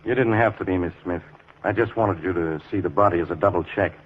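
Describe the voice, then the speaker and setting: An actor playing a blunt, exasperated police inspector with an American accent and brusque, slangy delivery in 1940s radio crime style. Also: male voice, deep voice, fast, slight background noise, natural voice. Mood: businesslike. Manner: brusque, slangy tough cop. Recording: muffled, dull 1940s radio recording.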